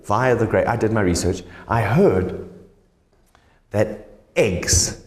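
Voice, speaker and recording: A man's voice: expressive, slow pace, darkish tone. Playful joking man in an echoey hall. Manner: playful, jokey, bursts into high squeals and laughter. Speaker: host. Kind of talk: comedic cooking show banter.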